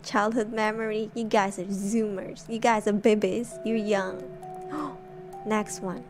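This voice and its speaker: A woman's voice: mid-range voice, steady tone, slow, over music. A woman streamer chatting casually in her bedroom while reading horror stories, talking in a jumpy, giggly way. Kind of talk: casual livestream chat.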